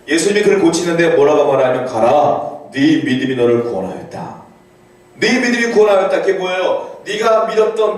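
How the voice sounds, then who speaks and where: A man preaching a sermon as pastor, animated, reading scripture aloud and rising to cries for emphasis. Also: high-pitched. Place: church sanctuary. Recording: very echoey church hall, voice from far off.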